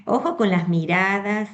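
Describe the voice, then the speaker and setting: A woman with a Rioplatense Spanish accent giving a conversational, expressive Bible talk to a women's meeting, often checking in with her listeners. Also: medium pitch, dull audio. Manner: conversational, frequent tag questions, expressive. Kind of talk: Bible teaching to a women's group.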